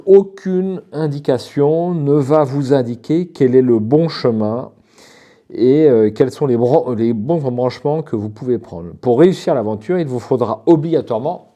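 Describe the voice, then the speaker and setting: A man from France reviews a gamebook in a casual, unscripted way. He talks frankly, often pausing on fillers and restarting his sentences. His voice is mellow and sits at a middling pitch. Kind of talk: casual spoken book review.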